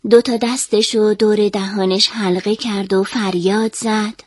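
A woman calmly and expressively reading a children's story aloud. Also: mid-range voice, no room sound, studio quality.

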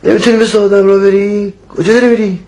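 A man's voice: high voice, little pitch movement, a little mellow, a little hiss or hum. An actor in a TV drama playing a man who teases and nags, firing off mocking questions. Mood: teasing. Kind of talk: TV drama dialogue.

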